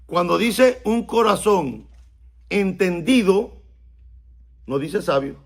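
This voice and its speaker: A man, a rabbi, teaching a Bible class, explaining words slowly and asking his students questions. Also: sits high, animated, gravelly. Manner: stresses and repeats key words slowly.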